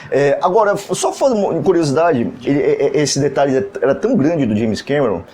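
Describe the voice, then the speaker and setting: A man's voice: fairly high pitch, expressive, a little fast, mellow, husky. A man co-hosting a casual film chat who agrees readily and adds side facts. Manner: agreeable, chimes in with short backchannels. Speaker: podcast co-host. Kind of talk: casual group chat about films.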